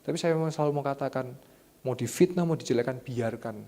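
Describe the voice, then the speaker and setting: A young man with an East Javanese accent preaching a sermon as pastor, animated and joking, jumping to loud high exclamations. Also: fast. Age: young adult. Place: church hall. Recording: long church-hall reverb.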